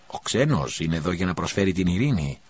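A man's voice: low-pitched, big pitch swings, a little mellow, husky, highs cut off, heavily acted. A man voicing a male city governor in an audiobook, asking demanding questions in a raised voice. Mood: exasperated.

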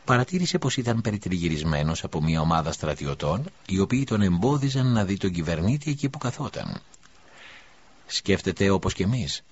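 Deep husky male narrator, lo-fi. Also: sing-song. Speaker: audiobook narrator. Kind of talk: scripted narration.

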